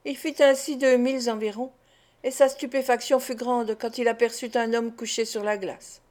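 A woman's voice: fairly high pitch, steady tone, normal speed, a little mellow. Woman reading a story aloud. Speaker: audiobook reader. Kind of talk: scripted narration.

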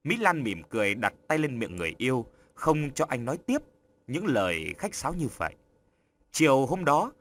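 A man reading an audiobook story aloud in an expressive storytelling manner. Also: mid-range voice. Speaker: narrator. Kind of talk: scripted audiobook narration.

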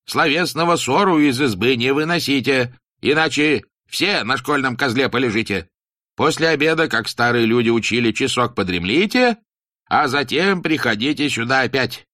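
A man voicing a stern, pompous old-time schoolmaster who lectures in slow, rhyming sing-song sentences. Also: medium pitch, expressive, sharp tone, no room sound, studio quality, voice pushed up. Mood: instructing.

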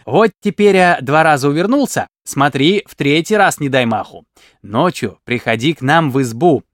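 A man voicing a sly peasant aunt who coaxes and scolds in a raised, lively voice. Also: a little high, normal speed, no room sound, studio quality, close to an everyday voice. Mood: coaxing. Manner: coaxing, scolding.

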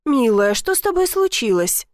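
A woman voicing a kindly, fussing middle-aged village woman who calls out in drawn-out tones. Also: on the high side, sing-song, no room sound, studio quality.

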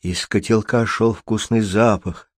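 Steady male storybook narrator, dry sound. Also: fairly low pitch, measured pace, dry recording. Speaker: audiobook narrator.

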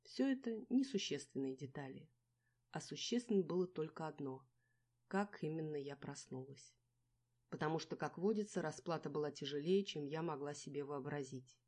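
A woman reading a first-person audiobook in a wry, measured storytelling manner. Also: low-pitched, darkish tone. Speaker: audiobook narrator. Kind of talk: scripted first-person narration.

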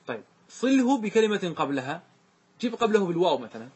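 A man's voice: sits high, sing-song, quick pace, a little mellow, slightly rough. A man teaching a grammar lesson, asking the class questions and repeating the answers to them. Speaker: teacher explaining grammar verses.

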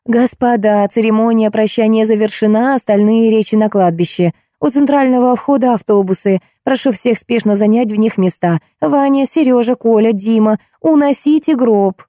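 A woman voicing a commanding woman organizer shouting orders over a crowd in a storybook reading. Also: a little high, moderate pace, hardly any pauses, dry recording, clean studio sound, voice pushed up, close to an everyday voice.

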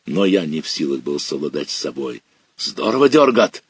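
A man reading a story aloud in dramatic narration, with lively storytelling and sudden loud outbursts. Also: rumbling low, fairly quick, husky, no room sound. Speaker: audiobook reader. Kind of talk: expressive literary narration.

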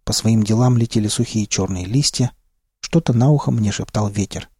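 Male narrator for a first-person audiobook, steady and low-key, husky timbre, dry close sound. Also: normal speed, no echo.

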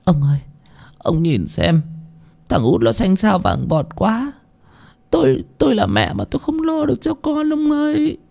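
Man doing a high wailing mother. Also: huge pitch swings, unhurried, vocal fry, a little mellow, full character voice. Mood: tearful whisper. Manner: wailing, high strained pleading. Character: anxious middle-aged mother, tearful, pleading.

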